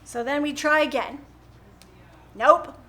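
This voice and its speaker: Bright high-voiced woman chatting at home. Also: takes it slowly. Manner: chatty and rambling, laughs often. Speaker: host of a live painting stream. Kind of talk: casual chat while painting.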